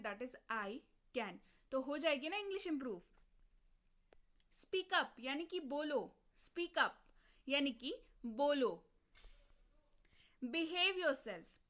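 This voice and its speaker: Bright-voiced woman teaching English phrases. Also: high voice. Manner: slow, clearly drilled phrases repeated twice; asks the viewer questions and answers them. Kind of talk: spoken English lesson in Hindi.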